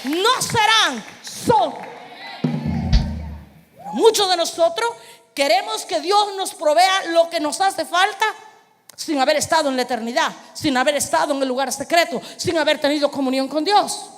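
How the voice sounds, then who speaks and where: A woman's voice: high voice, moderate pace, soft background music. A woman preacher delivering a fervent sermon, firing rhetorical questions and calling for responses from the congregation. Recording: long reverb of a large hall.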